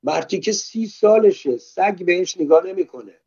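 A man's voice: high-pitched, animated, mellow, husky, highs cut off, voice pushed up, full character voice. A man doing a blunt, chatty taxi driver. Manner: blunt, talkative.

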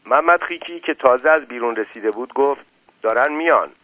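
A man reading a story aloud in a steady, plain narrating voice, in a dry, phone-like recording. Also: mid-range voice, dry recording. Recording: dry, phone-like narrow sound.

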